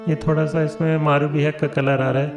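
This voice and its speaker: A man teaching Indian classical singing, explaining quickly and then singing the note names and song lines slowly. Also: a little high, flat delivery, vocal fry, roomy sound, over music. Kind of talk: singing lesson, spoken explanation with sung sargam.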